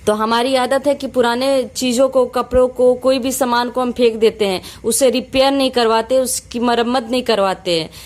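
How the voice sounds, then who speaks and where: A woman teaching English to Hindi speakers, reading English phrases slowly with an Indian accent and explaining each word with repetition. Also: fairly high pitch, steady tone. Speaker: English teacher, channel host.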